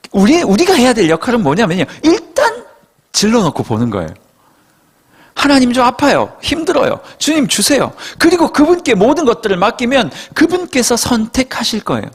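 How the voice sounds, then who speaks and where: A male pastor preaching a sermon to young adults in a lively storytelling style, speaking to the congregation directly and acting out dialogue. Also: sits high, husky. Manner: addresses listeners directly and conversationally. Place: church worship service.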